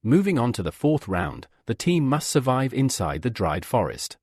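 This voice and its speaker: Male recap narrator, scripted storytelling, husky voice, very lively pitch, dry close sound. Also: normal speed, dry recording.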